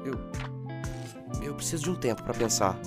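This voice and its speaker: A woman's voice: very deep voice, animated, moderate pace, music in the background. A woman voicing a nervous, jobless young man in an amateur radio drama, stammering and hesitant. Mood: flustered.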